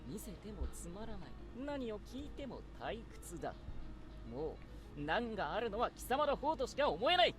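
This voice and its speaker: Proud young writer, lively and fast. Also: male voice, sits high. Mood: haughty. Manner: indignant, haughty retorts. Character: proud stubborn young male aspiring writer. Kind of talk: visual novel voice acting. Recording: game audio with loud background music.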